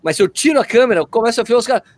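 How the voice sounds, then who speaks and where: A man's voice: very high voice, expressive, rapid-fire. A man with a Brazilian Portuguese accent chatting casually as a guest, telling stories in slangy everyday speech. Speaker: running video creator, interview guest. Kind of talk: casual chat.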